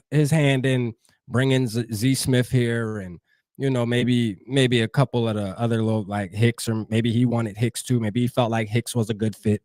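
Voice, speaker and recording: A New Jersey man hosts a fan show as a casual sports-talk livestream, speaking loosely and profanely straight to his live chat. His mid-range voice is captured in a dry, studio-quality recording.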